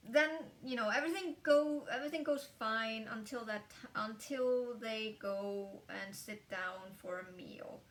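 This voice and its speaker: A woman's voice: on the high side, a bit bright, far from the mic, slight background noise. A woman casually reviewing a book, talking in a chatty way with lots of fillers and restarts.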